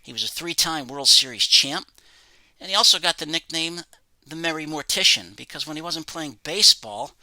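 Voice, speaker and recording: A man's voice: on the high side, normal speed, bright, forceful tone, no echo, low-quality recording. A man presenting items from his autograph collection, reading facts about each in a plain, matter-of-fact way. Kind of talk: casual show-and-tell narration.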